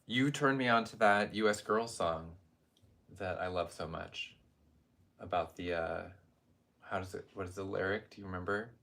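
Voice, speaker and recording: A man's voice: low voice, normal speed, gravelly, a bit bright. A man co-hosting a casual perfume review, rambling with wry jokes and asides. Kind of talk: casual chat.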